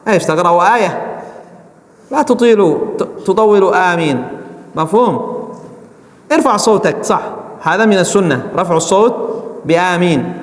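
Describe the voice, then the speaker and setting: A man's voice: high voice, expressive, moderate pace, pauses often. A man teaching a mosque class, often checking that his listeners understand and demonstrating chants aloud. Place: large mosque hall. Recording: echoey hall, long reverb.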